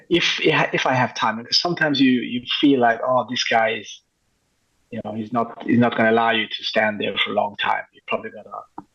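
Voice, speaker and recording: A man talks about his photography in a relaxed interview, eager and full of small restarts. His voice is gravelly and husky, and the recording sounds dull and lo-fi. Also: mid-range voice. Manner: enthusiastic, halting with frequent restarts. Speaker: street photographer guest. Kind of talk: casual interview chat.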